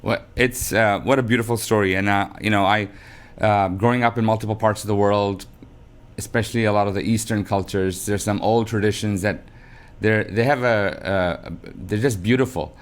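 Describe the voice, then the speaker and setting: A man hosting an interview, asking long, rambling questions full of halting fillers. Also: fairly low pitch, steady tone. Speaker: host.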